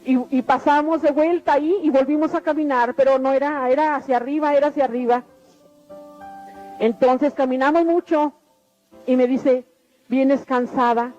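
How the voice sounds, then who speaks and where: A woman's voice: high voice, fairly even intonation, moderate pace, darkish tone. A middle-aged woman tells her religious testimony in an earnest, repetitive storytelling way. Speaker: testimony speaker. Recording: dull lo-fi radio recording with faint music.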